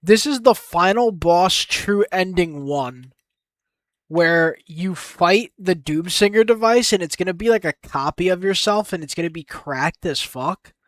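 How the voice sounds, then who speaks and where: A young man talks through game ideas on a live stream in an unhurried, drawn-out way, thinking aloud and swearing casually as he gets excited. His voice sits close and dry, with no room sound around it. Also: high voice, dry recording.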